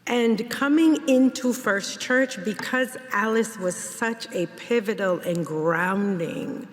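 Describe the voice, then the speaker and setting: A woman from Jamaica giving a memorial eulogy in a church, speaking in a measured, reflective way. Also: medium pitch, slight background noise. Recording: long church reverb.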